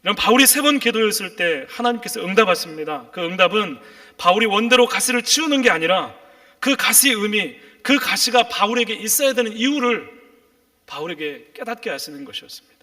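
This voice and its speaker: A man's voice: high-pitched, expressive, a little fast, pushed and bright. A man preaching a sermon as pastor, with rising, emphatic calls to the congregation. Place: church sanctuary. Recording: reverberant church hall.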